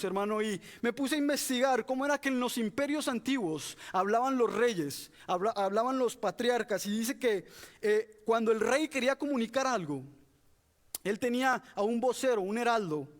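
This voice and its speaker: A man preaching an expository sermon, earnest and direct, often calling his listeners "brother". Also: high voice. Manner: earnest, addresses listeners as "hermano".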